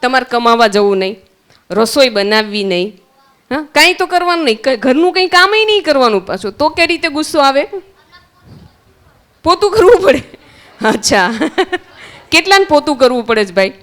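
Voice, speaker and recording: A woman's voice: high-pitched, animated, a little fast, fairly bright tone. A woman with a Gujarati accent, teaching young children at a summer camp, asking them questions and answering them herself. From Gujarat, India.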